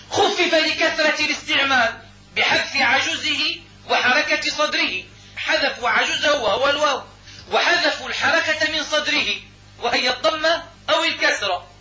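High, bright-voiced male lecturer. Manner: explanatory, asks and answers his own questions, repeats key points. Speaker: lecturer on Islamic law and Arabic grammar. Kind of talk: classroom lecture. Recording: echoey room, dull lo-fi sound.

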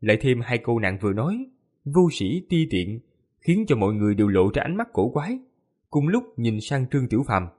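A man narrating a fantasy novel audiobook with lively, expressive storytelling. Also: mid-range voice, a little fast, slightly rough.

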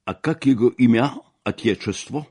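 A man voicing a coarse, boorish older peasant mystic who talks loudly and rudely. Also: rumbling low, wildly swooping pitch, slow pace, breathy edge, full character voice. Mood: coarse, boisterous. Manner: loud, rude, mocking, broken speech.

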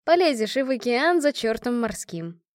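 A woman's voice: a little high, very animated, normal speed, no echo, studio quality. A woman reading the part of a stern young woman in an audiobook, scolding and teasing her comrades.

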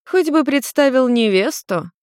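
A woman's voice: high-pitched, lively intonation, a little slow, a little mellow, dry recording, clean studio sound, voice pushed up. A woman voicing a middle-aged witch mother who is tipsy and teasing, drawling her words in a slurred, playful way.

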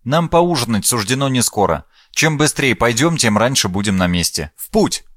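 A man voices an impatient scholar-wizard in a storybook, brushing ideas aside briskly. His speech rises and falls with lively pitch. It sounds close and dry. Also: no echo. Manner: brisk, dismissive. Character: impatient male professor-mage.

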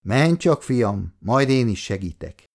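A male reader voicing a mild, peacemaking elderly father who speaks softly. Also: medium pitch, very animated. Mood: soothing. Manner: soft, soothing. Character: gentle, peacemaking old father.

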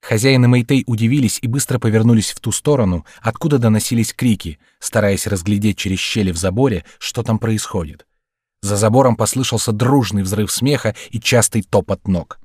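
A man narrating a literary audiobook in a measured, even reading. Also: fairly low pitch, husky, no echo, clean studio sound.

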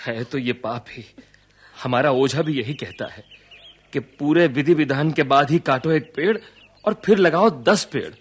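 A woman voicing a worried, gentle village father in an educational radio drama, talking in a hesitant, pleading way. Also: deep voice, unhurried, slightly rough. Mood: uneasy.

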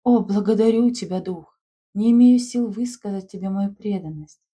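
A woman's voice: on the low side, normal speed, dark tone, husky. A woman voicing a fervent, commanding schoolgirl who leads a séance and addresses the spirit. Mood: ecstatic. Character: exalted schoolgirl leading a séance.

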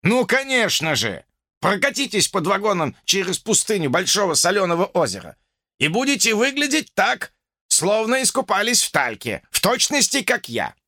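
A man voicing a ragged, indignant male tramp in a shrill, squawking voice in an audiobook. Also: very animated, normal speed, bright, forceful tone, dry recording, clean studio sound, exaggerated voice. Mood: mocking.

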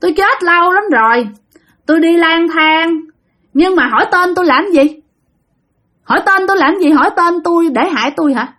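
Woman storyteller doing a stubborn possessive ghost, shrill, moaning. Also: lively intonation, brisk, a bit bright. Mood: defiant secretive. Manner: moaning, wailing, insistent. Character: wandering male ghost possessing an old grandmother, stubborn, possessive.

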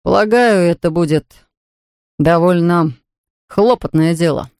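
A woman's voice: sits low, steady tone, fast, a little mellow, smooth, no echo, clean studio sound. Woman doing a moody young guy, short grudging answers, kinda clipped. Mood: sullen. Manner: terse, grudging. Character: sullen reserved young man.

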